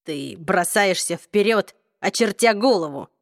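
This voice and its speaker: A harsh young man with a lowered, slow voice speaks in an audiobook drama, as a woman reader acts him. His tone is weary and cold, and the recording is dry and close. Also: animated, no echo. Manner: low, slow, weary, sometimes shouting.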